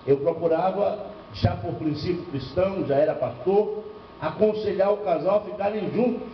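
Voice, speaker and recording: An older male pastor from Bahia speaks in a high voice, spinning anecdotes and asking the room questions. The recording is dull and lo-fi, picked up from a distance in a reverberant church hall with faint background noise. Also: normal speed. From Bahia, northeastern Brazil. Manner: storytelling with rhetorical questions and humor. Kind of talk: church seminar preaching. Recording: echoey lo-fi church recording from far off.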